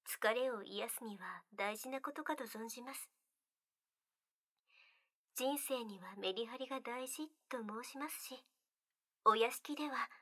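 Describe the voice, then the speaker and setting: A woman voicing a gentle, devoted young maid in an ASMR roleplay, speaking softly and very formally, often in a whisper. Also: high-pitched, heavily acted. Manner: soft-spoken, very formal polite speech, often whispered.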